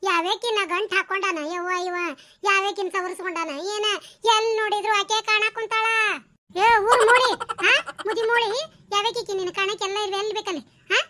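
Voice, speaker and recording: A woman plays a sharp-tongued old village wife in a cartoon comedy, speaking with a North Karnataka Kannada accent. Her very high, bright voice keeps snapping back with mocking retorts. She nags her husband without letup. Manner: nagging, mocking, quick retorts.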